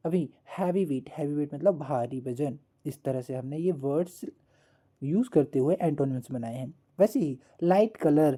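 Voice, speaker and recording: Dark-voiced woman teaching a lesson. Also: deep voice. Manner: repeats words slowly, asks the class questions. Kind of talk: classroom lesson explanation.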